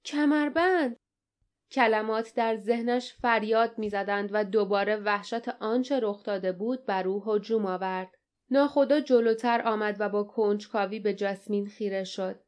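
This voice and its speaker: Woman narrating an audiobook, smooth voice. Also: mid-range voice, steady tone, a little mellow. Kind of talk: scripted storybook narration.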